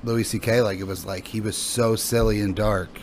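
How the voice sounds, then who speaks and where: A man's voice: lowish voice, fairly even intonation, normal speed, slight background noise. A male comedian being interviewed in a casual podcast chat, thinking aloud in rambling, sweary sentences. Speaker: stand-up comedian guest.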